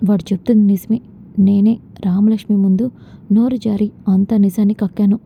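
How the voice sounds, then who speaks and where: A woman's voice: medium pitch, steady tone, moderate pace, gravelly, slightly rough. A woman reading a guilty young man. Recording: dull lo-fi with faint noise.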